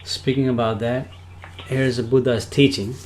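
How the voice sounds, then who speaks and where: A man talks loosely and wanders from point to point, the way a spiritual teacher chats on a live stream. His voice sits at an ordinary middle pitch, and a faint ambient hum hangs under his words. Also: steady tone, moderate pace. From Nepal. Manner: rambling, talks of himself in the third person. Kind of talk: casual livestream talk.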